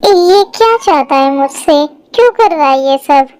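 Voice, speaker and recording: A woman playing a very high-voiced timid schoolgirl. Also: lively intonation, measured pace, a little mellow, a little hiss or hum. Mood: earnest. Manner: pleading, easily tearful. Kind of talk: Hindi fan-dub drama.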